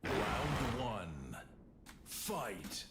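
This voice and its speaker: Drawn-out fighting-game announcer. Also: male voice, mid-range voice, sing-song, heavy background noise, exaggerated voice. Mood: dramatic. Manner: drawn-out dramatic call-outs. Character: booming male fighting-game announcer, dramatic. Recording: loud game audio with button clicks.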